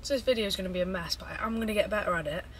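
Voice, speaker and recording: Young girl rambling on while she eats, mid pitch, bit of hiss behind her. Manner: rambling, fast-talking, eating while talking. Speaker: vlogger. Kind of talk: chatty mukbang vlog.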